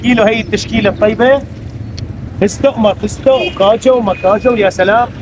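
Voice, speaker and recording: A man's voice: sits high, quick pace. A man with a Syrian Arabic accent chatting casually as a street vlogger, addressing viewers and locals. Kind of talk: casual street vlog chat. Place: outdoors on a town street. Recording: clear traffic noise, outdoor street.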